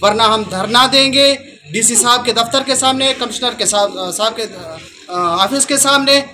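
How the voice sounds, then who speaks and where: A man, forcefully complaining to reporters at an outdoor market. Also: extremely high pitch, a little slow, noisy background. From Pakistan. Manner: indignant, forceful complaint to the press. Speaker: protesting farmer spokesman. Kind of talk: street interview statement. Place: outdoor market arcade with crowd.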